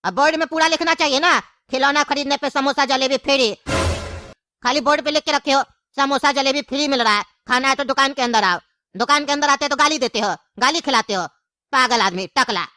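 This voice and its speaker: A woman's voice: high-pitched, fairly quick, pushed and bright, no room sound, clean studio sound. A woman voicing a cheeky, unmarried forty-five-year-old man in a cartoon, rambling and pleading. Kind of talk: cartoon comedy voice acting.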